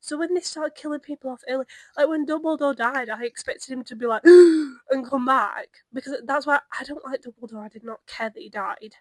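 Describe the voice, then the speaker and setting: A woman's voice: high voice, a little fast, hardly any pauses, no echo, poor audio. A young woman co-hosting a podcast, chatting casually and telling stories animatedly. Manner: animated storytelling, acts out her own past reactions. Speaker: podcast co-host. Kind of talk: casual chat.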